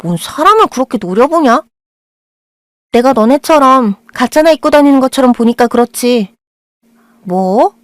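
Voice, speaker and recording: A woman's voice: high-pitched, no echo, studio quality. A woman voicing quarrelsome teenage schoolgirls in an audio drama, taunting and picking a fight. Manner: taunting, combative.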